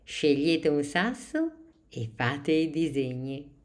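Woman voicing a gentle storybook teacher, slow and low, warmly encouraging the children. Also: very animated, exaggerated voice. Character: kind female schoolteacher, gentle and encouraging. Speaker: teacher figure.

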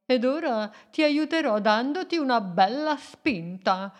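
Woman playing a male storybook octopus, kind, bashful, gentle, slow, drawn-out. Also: high voice, animated, pitched above the performer's own voice. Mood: kindly.

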